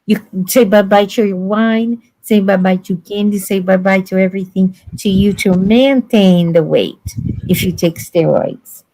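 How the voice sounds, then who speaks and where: A woman's voice: mid-range voice, unhurried, mellow, poor audio. A woman hosting a casual chat, talking bluntly and acting out quoted voices in her stories. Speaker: host.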